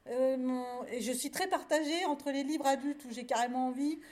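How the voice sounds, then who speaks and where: A woman chatting enthusiastically about children's picture books, then reading one aloud with expressive storytelling. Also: high-pitched, normal speed. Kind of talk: casual chat and reading a picture book aloud.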